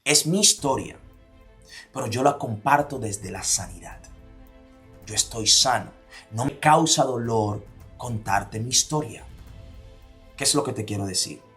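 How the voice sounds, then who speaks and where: A motivational speaker, a man with a Dominican accent, hammers his listeners with one rhetorical question after another. His voice sits at an ordinary pitch, and he swings from forceful lines down to hushed ones. Light music plays quietly beneath him. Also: animated, unhurried, long pauses. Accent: Dominican Spanish. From Dominican Republic. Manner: emphatic, fires repeated rhetorical questions, drops to near-whispers for stress. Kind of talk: motivational talk.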